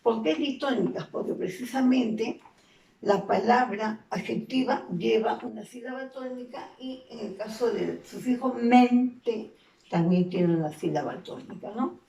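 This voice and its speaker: A woman's voice: fairly high pitch, unhurried, creaky, dark tone, recorded from a distance. A woman gives a lesson as a teacher. She explains step by step and often checks in with tag questions. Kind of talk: recorded classroom lesson. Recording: echoey room, voice off-mic, faint noise.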